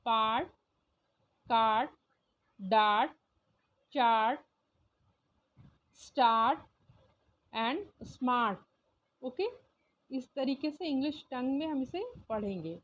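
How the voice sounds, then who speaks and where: A woman teacher with an Indian accent slowly spelling out and repeating English words for children, mixing in Hindi explanations. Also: fairly high pitch, animated, a bit bright. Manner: slow, deliberate spelling out of words letter by letter. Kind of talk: phonics reading lesson for children. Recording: dull lo-fi sound.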